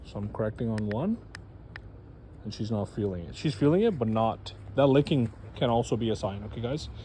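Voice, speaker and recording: A man's voice: on the low side, lively intonation, brisk, warm tone, a little hiss or hum. A man, a dog trainer, giving a loose, chatty how-to demonstration and talking straight to his viewers. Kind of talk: casual instructional demo.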